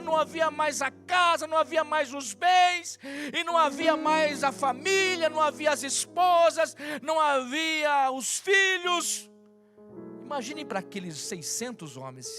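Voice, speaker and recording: A male pastor preaching a sermon to a live congregation, stacking long repetitive lists and dropping from loud to hushed. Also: very high voice, lively intonation, measured pace, faint music behind. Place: church service with live congregation.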